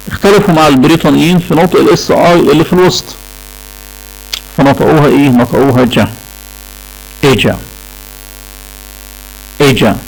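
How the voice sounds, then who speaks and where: Egyptian man, English teacher, rapid delivery, mid pitch, faint music and hum behind. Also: creaky, low-quality recording. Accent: Egyptian Arabic. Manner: repeats key points and checks with the class. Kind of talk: classroom lecture.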